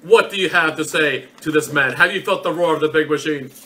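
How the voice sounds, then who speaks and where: Bright-voiced theatrical male host. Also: fairly high pitch, a little fast. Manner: bossy, theatrical announcer. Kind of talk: comic talk-show hosting.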